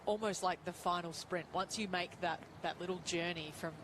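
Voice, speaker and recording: A woman's voice: fairly low pitch, steady tone, moderate pace. A woman giving analytical live golf commentary as a broadcaster. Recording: clear outdoor background noise.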